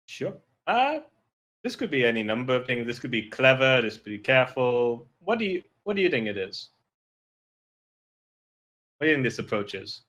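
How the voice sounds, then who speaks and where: A man narrating and running a tabletop role-playing game as game master, casual and quick. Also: medium pitch, very animated, a bit bright. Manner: quick, loose narration with voiced side characters.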